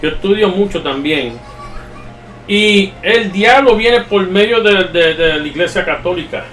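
A man's voice: high-pitched, lively intonation, a little slow, a bit bright. A man hosting a casual chat, explaining things in a lecturing way with many restarts. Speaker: podcast host. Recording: echoey distant mic with faint music.

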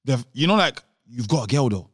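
A man's voice: mid-range voice, big pitch swings, brisk, no room sound, clean studio sound. A young man with a London urban roadman accent, chatting casually on a podcast in a slangy, emphatic, argumentative way. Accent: London urban roadman (Multicultural London English). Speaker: podcast co-host.

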